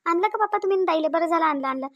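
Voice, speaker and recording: A woman playing a fussy middle-aged village mother in a cartoon, speaking with a Varhadi Marathi accent. Her voice is very high, and she repeats herself and keeps tagging her lines with questions. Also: racing, a bit bright, muffled recording. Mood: urging. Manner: repetitive, nagging, tag questions.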